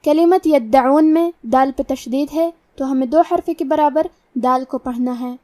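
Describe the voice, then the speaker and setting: A woman with a Pakistani Urdu accent teaching tajweed, explaining each pronunciation rule step by step before reciting slowly. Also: high-pitched, mellow, no echo, far from the mic. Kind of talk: tajweed lesson with slow recitation.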